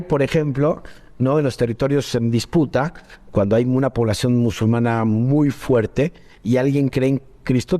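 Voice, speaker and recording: A man's voice: mid-range voice, mellow. A man, a pastor, speaking conversationally, asking questions and restarting his sentences. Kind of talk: conversational interview.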